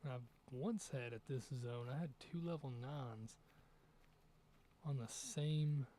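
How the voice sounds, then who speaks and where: A man's voice: mid-range voice, slow pace, warm tone, a little hiss or hum. A young man streaming a hunting game, giving casual, rambling commentary as he thinks aloud over his shots.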